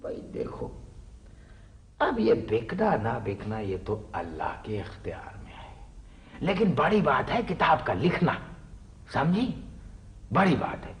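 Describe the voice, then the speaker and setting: A man's voice: mid-range voice, very animated, slow pace, long pauses. An actor playing a middle-aged father who boasts theatrically and gushes flowery praise, in a 1990s television stage play. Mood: boastful. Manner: exclamatory, fond of flowery praise. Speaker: father of the household.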